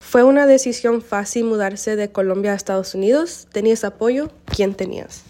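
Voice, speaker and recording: A woman's voice: medium pitch, normal speed, warm tone, slight background noise. A woman interviewing her grandparents, reading out prepared questions steadily.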